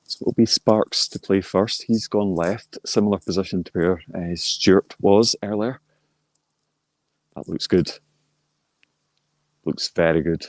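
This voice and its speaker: A man giving informal live golf commentary, explaining shots in a measured way and reacting briefly as they play out. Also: sits low, no room sound.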